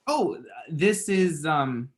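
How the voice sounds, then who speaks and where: A man reads for a screenplay table read, playing a flustered, lovestruck, bitchy young man who is sassy and theatrical. His voice sits a little high and sing-song, delivered very slowly and with exaggeration. He sounds flustered and nervous.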